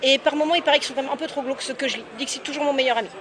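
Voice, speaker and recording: A woman's voice: high voice, rapid-fire, crowd noise. A young adult woman author answering interview questions casually and candidly, with lots of hesitations. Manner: lively, candid, many hesitations. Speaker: author guest.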